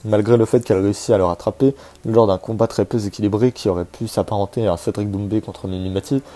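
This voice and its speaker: Low, mellow-voiced man hosting casually. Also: fairly even intonation, quick pace. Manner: chatty, hesitant with frequent fillers, joking asides. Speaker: YouTube host presenting a game character. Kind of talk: casual video presentation. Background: faint background music.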